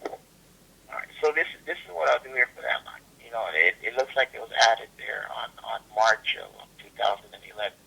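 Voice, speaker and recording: A man speaking as a customer service representative on a phone call, polite and procedural, with a raspy voice and halting, repetitive phrasing. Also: medium pitch, animated, pushed and bright. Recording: telephone call audio.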